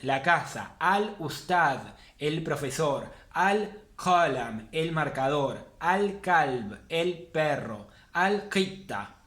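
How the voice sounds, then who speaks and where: Male teacher, somewhat high voice, patient and repetitive delivery, roomy echo. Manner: patient, repeats key points for emphasis. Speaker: language teacher. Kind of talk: classroom lesson. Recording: echoey room.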